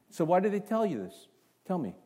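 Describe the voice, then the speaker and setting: Animated male pastor preaching a sermon. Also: sits high, husky. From Canada. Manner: animated, asks the congregation rhetorical questions. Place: church.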